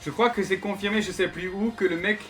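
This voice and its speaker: A gaming streamer speaks in a high-pitched, steady, slightly bright voice, a little fast. With music in the background, he reads game dialogue out loud and keeps up casual, slang-filled commentary aimed at his viewers.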